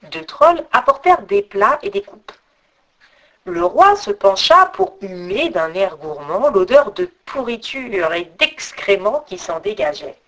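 A woman narrating a fairy tale aloud, expressive and speaking straight to her listeners. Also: mid-range voice, a little slow, poor audio. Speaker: storyteller. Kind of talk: storybook narration.

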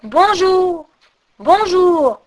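A woman's voice: very high voice, very animated, very slow, voice pushed up, exaggerated voice. A woman voicing a talkative female crow in a storybook reading, chatty and explaining at length. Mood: cheery. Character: talkative old crow, female, know-it-all.

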